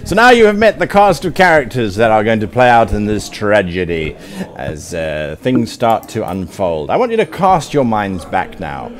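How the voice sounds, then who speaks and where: A man's voice: lowish voice, very animated, normal speed. A man narrating a live tabletop game as game master, storytelling theatrically at a convention session.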